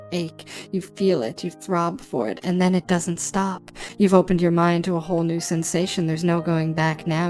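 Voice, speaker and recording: A woman delivering an erotic hypnosis monologue for adults, speaking intimately close in the listener's ear in a commanding, deliberate, repetitive way. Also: fairly low pitch, darkish tone. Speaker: hypnosis narrator. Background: music.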